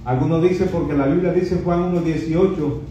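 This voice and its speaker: A man's voice: on the high side, fairly even intonation, fairly quick, warm tone, slight background noise. A man preaching a Bible study sermon emphatically, heard from a distance in a very echoey space. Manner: emphatic, dramatizes scripture quotes. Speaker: pastor teaching a Bible study. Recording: echoey, distant, dull sound.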